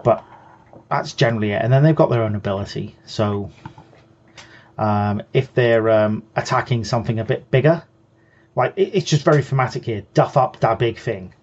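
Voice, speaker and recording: A man's voice: mid-range voice, normal speed, darkish tone, husky, dull audio. A man co-hosting a hobby show, patiently explaining game rules in casual chat and often restarting his sentences. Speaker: co-host.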